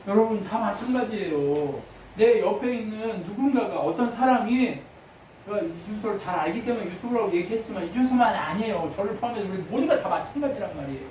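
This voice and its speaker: A man's voice: high voice, lively intonation, brisk, a little mellow, slight background noise. A man preaching a sermon, firing rhetorical questions at the congregation and acting out short pleading prayers in a raised voice. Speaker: pastor. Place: church sanctuary. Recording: very echoey church hall, voice from a distance.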